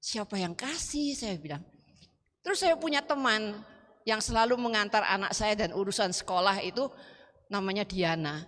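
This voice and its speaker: A woman's voice: mid-range voice, expressive, moderate pace, pauses often, fairly bright tone. Woman preacher, sermon testimony, storytelling, echoing hall. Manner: storytelling, acting out dialogue with her child. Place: church hall. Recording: long hall reverb.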